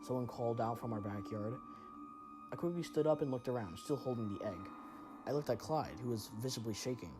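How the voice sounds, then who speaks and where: A man's voice: medium pitch, animated, brisk, dark tone, faint music behind. A man narrating a first-person horror story in a tense, dramatic way.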